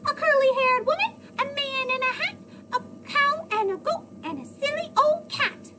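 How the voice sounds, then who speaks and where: A woman's voice: very high voice, expressive, moderate pace, pitched above the performer's own voice. A woman doing the squealing Gingerbread Man. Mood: gleeful. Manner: squealing, sing-song taunting. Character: gleeful tiny gingerbread boy, cheeky runaway. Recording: loud background noise.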